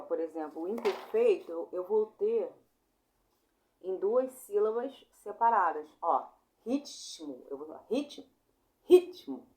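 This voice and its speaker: This Portuguese teacher is a young Brazilian woman running a casual online grammar lesson, and her voice is fairly low-pitched with a dark tone. She keeps it chatty and informal, apologizes often, and spells sounds out slowly.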